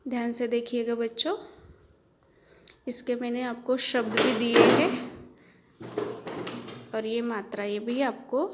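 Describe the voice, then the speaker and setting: Slow, patient woman teaching children. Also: on the high side, flat delivery, background noise. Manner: patient, repeats each point, checks in with "ok". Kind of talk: children's Hindi lesson.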